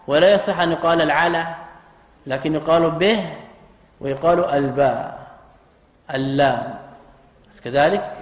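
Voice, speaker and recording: A man, a sheikh, teaching Arabic grammar in a recorded lesson, asking rhetorical questions and repeating key terms. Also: fairly high pitch. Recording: echoey hall reverb.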